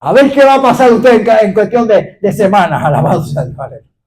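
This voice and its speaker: A man preaches with fire, his pitch leaping and falling through every line. He fires questions at his listeners and breaks into shouts of praise, the sound of a church gathering. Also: fairly quick. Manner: animated, exclaiming hallelujah, questioning the congregation. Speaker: pastor. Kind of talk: fiery sermon.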